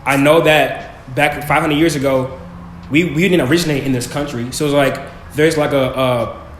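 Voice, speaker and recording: This young adult man has a fairly high voice, fairly even intonation and a moderate pace. He speaks earnestly and casually on a student panel, frequently adding "you know what I'm saying." Faint noise and echo fill the room.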